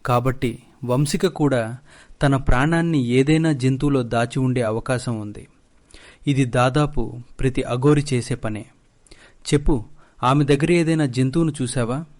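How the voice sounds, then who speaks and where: A man voicing a kindly old wandering holy man in a narrated storybook, speaking in a slow, advising way. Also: mid-range voice, darkish tone, close to an everyday voice.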